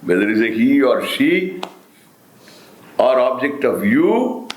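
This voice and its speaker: An older man with an Indian accent delivers a spiritual discourse at a slow, deliberate pace. His pitch rises and falls widely as he stresses and repeats key words. The sound is roomy and echoing. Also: very animated. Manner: deliberate, emphatic, with repetition and rhetorical questions.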